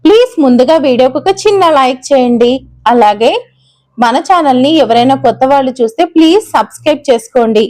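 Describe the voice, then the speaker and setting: Telugu lady narrating a story, high pitched, soft dark tone, same voice for everyone. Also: expressive, fairly quick. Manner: reads all the dialogue herself with little change of voice.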